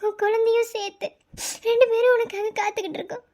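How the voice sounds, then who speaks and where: A woman's voice: very high voice, lively intonation, normal speed. A woman voicing a young pregnant wife in a cartoon love story, tearful and pleading as she waits for her husband to come home. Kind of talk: cartoon voice acting.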